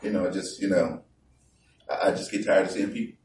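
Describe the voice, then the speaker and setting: A man preaching a conversational sermon, reading scripture slowly and with emphasis. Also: sits low, fairly even intonation, a little mellow, a little hiss or hum. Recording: echoey room from far off.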